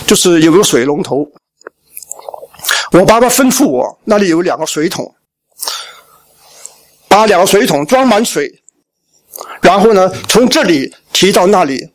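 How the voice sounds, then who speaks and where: A middle-aged man from Shandong preaching a personal testimony, with a high voice that swoops lively up and down. He tells his story vividly and slips into the voices of his father and family as he goes. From Shandong, China. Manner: storytelling, acting out family dialogue. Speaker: pastor. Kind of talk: sermon testimony.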